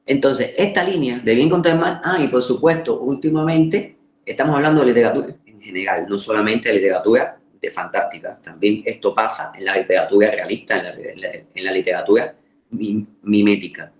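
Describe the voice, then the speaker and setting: A lowish-voiced man with a Caribbean Spanish accent lectures informally in a roomy, echoing space. He searches for his words in a halting way, then drives points home with emphatic repetition. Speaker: course lecturer.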